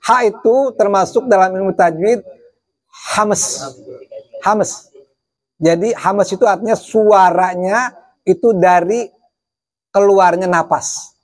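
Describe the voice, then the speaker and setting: A man's voice: sits high, unhurried. A man giving a Sunday morning religious lecture, asking his audience questions and answering them himself, drawing out words to show how they are said. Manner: stretches words to show pronunciation. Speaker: preacher.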